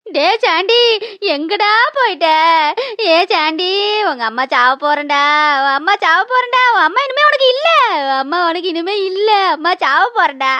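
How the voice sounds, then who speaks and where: A woman's voice: extremely high pitch, expressive, brisk, fairly bright tone, no echo. A woman voicing a dramatic middle-aged village woman who wails and sobs that she has been poisoned, in a cartoon. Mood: sobbing lament. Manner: wailing, sobbing lament. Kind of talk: cartoon voice acting.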